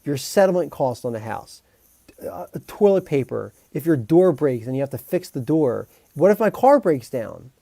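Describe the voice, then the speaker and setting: A man's voice: on the high side, very animated, normal speed, vocal fry, warm tone, no echo, clean studio sound. A man streaming as a composer, chatting casually with viewers in a rambling, joking way, with restarts, fillers and mild swearing. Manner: rambling, talks to chat, frequent restarts and fillers. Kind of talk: casual live-stream chat.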